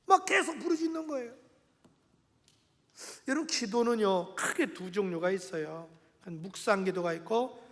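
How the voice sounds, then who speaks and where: A man preaching a passionate sermon as senior pastor, swinging between loud cries and quiet asides and often calling out to the congregation. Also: very high-pitched, creaky, in a large hall. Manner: addresses the congregation often, tag questions. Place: church sanctuary.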